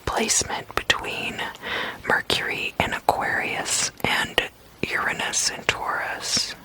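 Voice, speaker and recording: A speaker giving a whispered astrology forecast, talking slowly and thoughtfully with frequent pauses and fillers. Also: low-quality recording. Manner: whispering throughout; slow, thoughtful, with many fillers.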